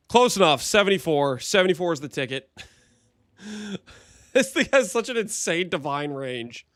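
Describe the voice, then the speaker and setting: A man's voice: mid-range voice, a bit bright, clean tone, no echo. Man streaming on a dry headset mic. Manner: chatty, joking, thinks aloud to chat. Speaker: livestreamer. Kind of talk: casual gameplay commentary.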